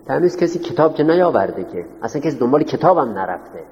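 A male teacher gives a lecture and keeps quizzing his students, then answers his own questions. His voice is dark and mellow. The audio is dull and lo-fi, with a long echo from a roomy hall. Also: mid-range voice, sing-song. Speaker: teacher of a class. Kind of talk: classroom lecture, dictating notes.

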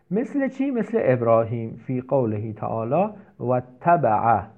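A man teaching an Arabic grammar lesson. He explains step by step and asks and answers his own questions. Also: medium pitch. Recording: tinny phone-like audio.

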